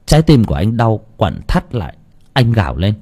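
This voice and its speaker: A man's voice: lowish voice, very animated, a little fast, darkish tone, husky. A man narrating a folk tale audiobook expressively. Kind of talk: storytelling narration.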